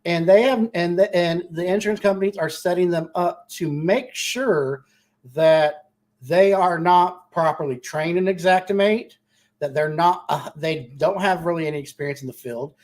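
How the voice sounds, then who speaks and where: A man's voice: high-pitched, normal speed, a little mellow. Rambling, blunt man in a panel discussion. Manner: rambling, many restarts, blunt. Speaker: contractor panelist.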